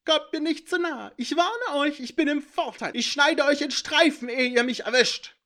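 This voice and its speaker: A man voicing a shrill, arrogant male villain who cackles and taunts in a manic way. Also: moderate pace, bright, forceful tone, heavily acted.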